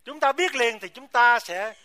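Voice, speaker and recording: A male pastor delivering a sermon with an emphatic push. He keeps asking his listeners rhetorical questions. His voice is high and bright. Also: animated, moderate pace.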